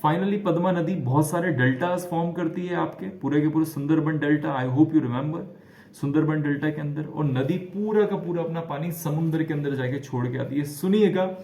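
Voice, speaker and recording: Animated man teaching in an echoey room. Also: on the high side, normal speed. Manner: lively, repeats key names, mixes English phrases into Hindi. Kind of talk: explaining a lesson over a diagram.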